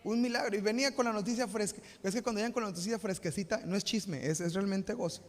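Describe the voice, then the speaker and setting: A man's voice: high-pitched, quick pace. A man with a Mexican Spanish accent preaching a live sermon as pastor, often asking the congregation questions and answering them himself. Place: church sanctuary. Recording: long reverb of a live church hall.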